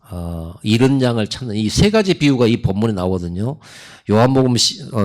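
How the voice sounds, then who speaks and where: A male pastor delivers a Sunday sermon, retelling Bible stories in a relaxed, talky way. His voice sits at an ordinary middle pitch but rises and falls widely as he animates the story. He drops into quoted lines to act out the characters as he goes. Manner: acts out God's and Jonah's lines in quotes.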